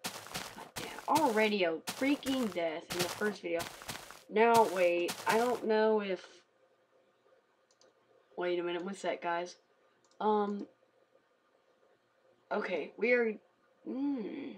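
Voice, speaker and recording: A tired woman giving casual, chatty commentary on a game she is playing, talking quietly and swearing freely. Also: mid-range voice, slow pace, pauses often, breathy edge. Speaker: let's play gamer.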